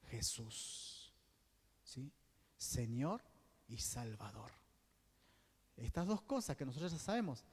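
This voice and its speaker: A man's voice: a little high, a little mellow. Argentine guy preaching to a group, asks stuff and answers it himself, long hall reverb. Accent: Argentine Spanish. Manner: keeps checking in with the group by asking "¿Sí?"; poses questions to the group and answers them himself. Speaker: diocesan coordinator teaching a course. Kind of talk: preacherly religious teaching talk.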